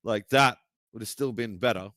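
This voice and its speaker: Sweary guy in casual chat, low but bright and forceful voice. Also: moderate pace, no echo. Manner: blunt, swears a lot, trails off mid-sentence. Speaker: podcast co-host.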